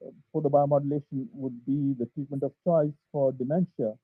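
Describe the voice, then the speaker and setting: A man's voice: medium pitch, fairly even intonation, brisk, no echo. A physician talking emphatically in a casual discussion, his voice muffled and distant as if heard through a wall. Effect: muffled, distant sound, as if through a wall. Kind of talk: casual video-call discussion.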